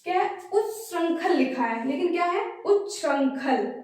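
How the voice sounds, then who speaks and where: A woman teacher giving a spelling lesson for exam students, explaining step by step and repeating each word slowly. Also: high-pitched, expressive. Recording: very echoey room, voice far from mic.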